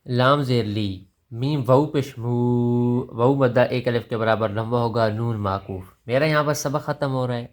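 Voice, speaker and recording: A man with a Pakistani Urdu accent teaching Quran recitation. He patiently spells out each letter with its vowel mark, then slowly chants the verse. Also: medium pitch.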